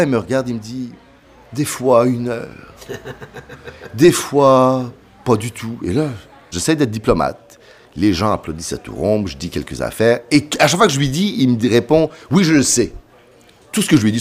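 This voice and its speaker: A middle-aged man with a Quebec French accent, a pianist telling a lively anecdote over a meal and voicing the people in it. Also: on the low side, slightly rough. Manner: lively storyteller, voices other people in the story. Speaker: pianist guest.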